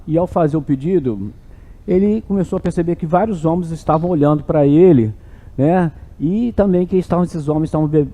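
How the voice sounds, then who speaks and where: A man's voice: a little high, dark tone. A male gynecologist giving a health talk to an audience at an event, conversational and often checking in with "né?". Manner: conversational, keeps adding "né?" and "tá?". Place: event hall. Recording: long hall reverb.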